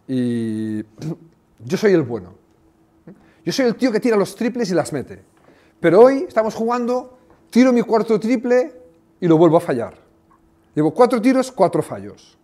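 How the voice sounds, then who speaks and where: A man, a former coach giving a motivational talk, telling lively anecdotes with sound effects. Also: sits high. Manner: animated storytelling with sound effects.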